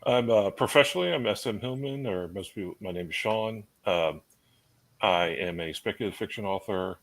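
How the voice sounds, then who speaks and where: Male author guest, low and gravelly, halting casual delivery. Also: a bit bright, poor audio. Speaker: author on panel. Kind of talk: casual self-introduction.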